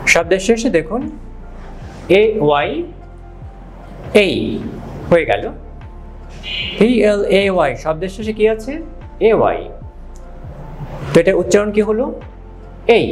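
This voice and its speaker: Bengali-accented male pronunciation teacher, high voice, unhurried drill delivery, repeats examples. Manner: repeats each example word several times, asks questions and answers them. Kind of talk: slow, repetitive pronunciation lesson.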